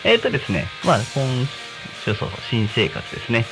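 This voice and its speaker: A man hosting a casual community radio show, speaking politely and deferentially to listeners in a halting, apologetic way over guitar music. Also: mid-range voice, sing-song. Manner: halting, hesitant delivery. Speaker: radio host. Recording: music playing behind the voice.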